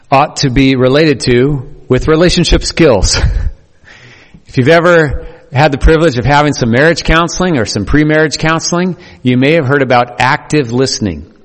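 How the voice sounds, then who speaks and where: A man preaching a sermon earnestly, with playful asides to the congregation. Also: medium pitch. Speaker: pastor. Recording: long hall reverb.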